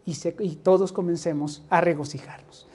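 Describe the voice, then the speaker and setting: A man's voice: fairly high pitch, fairly even intonation, normal speed, dark tone, husky. A man with a Mexican accent preaching a sermon, often turning to his listeners with rhetorical questions. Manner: addresses the congregation with rhetorical questions.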